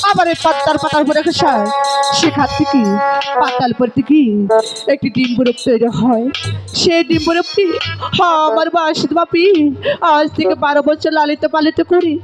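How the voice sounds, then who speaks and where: A woman acting a devoted young daughter in a folk stage drama, over loud music. The voice is extremely high and declaims earnestly in a hammy, theatrical way. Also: natural voice. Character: twelve-year-old girl, pleading devoted daughter of a god.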